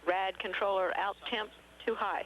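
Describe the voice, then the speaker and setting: A woman's voice: medium pitch, fairly even intonation, normal speed, dull audio, slight background noise. A woman working as a mission control communicator, giving clipped, procedural space-to-ground calls over a radio link. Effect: radio transmission.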